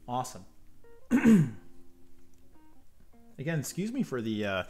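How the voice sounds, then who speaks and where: This model-building channel host talks slowly in a mellow, mid-range voice with a breathy edge and huge swings in pitch. Stuffy from a cold, he chats casually at his indoor workbench, wandering into rambling asides, while faint music plays behind him.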